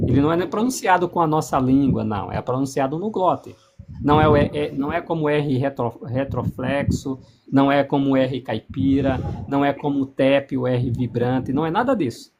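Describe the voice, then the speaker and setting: A man explains pronunciation in a casual discussion, often repeating and restarting words and spelling out sounds and letters. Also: fairly high pitch. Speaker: explaining speaker on divine name. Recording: noisy background hiss.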